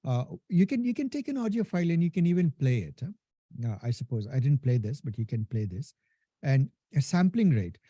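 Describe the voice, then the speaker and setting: A male instructor with a thick Indian accent, from India and Nepal, talks briskly in a warm, medium-pitched voice with big pitch swings and a breathy edge. The audio is dull with no room sound. In his casual live technical lecture he calls the class "guys," tosses in many "right?" tags, and restarts sentences.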